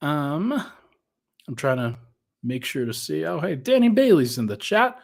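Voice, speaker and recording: A man's voice: a little high, big pitch swings, unhurried, creaky. Slightly breathless male sports podcaster. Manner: conversational, thinks aloud with restarts and fillers. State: a little out of breath. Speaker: podcast host. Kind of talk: casual sports talk podcast.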